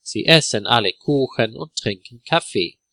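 A man narrating a simple story in a clear, deliberate way for language learners. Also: mid-range voice, lively intonation, pushed and bright, dry recording.

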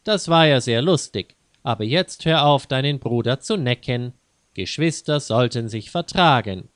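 A jovial storybook father, good-humored and gently scolding, as a man reads him. He talks slowly in a smooth, clear voice. The recording is dry and close. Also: medium pitch, lively intonation, no echo. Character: jovial father, kindly middle-aged man.

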